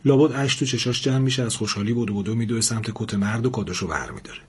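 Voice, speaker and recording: A man's voice: lowish voice, expressive, husky, full character voice. [name], a man doing an irritated sarcastic wife. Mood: annoyed. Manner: sharp, sarcastic.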